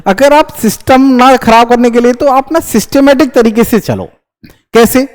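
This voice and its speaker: A young man with a strikingly high voice teaches a grammar lesson. He keeps asking his students questions and answering them himself, checking again and again that they follow. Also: moderate pace. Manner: lively, repeats checks like "understood?". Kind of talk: classroom lecture.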